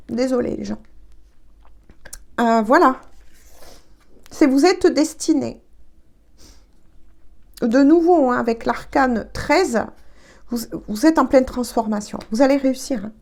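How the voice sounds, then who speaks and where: This tarot reader has a high-pitched, creaky, slightly mellow voice. Her reading is casual and chatty but hesitant, her allergies leave her congested, and "hein" comes up again and again.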